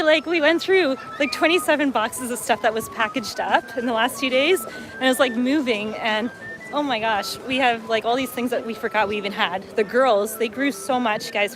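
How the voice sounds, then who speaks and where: A chatty woman in her middle years, from upstate New York, talks in a slightly high voice as she strolls a lakeside promenade. She reads viewer comments aloud and chats casually. Faint outdoor noise sits under the voice. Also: a bit bright. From upstate New York, USA. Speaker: travel vlogger hosting a livestream. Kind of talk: casual livestream chat.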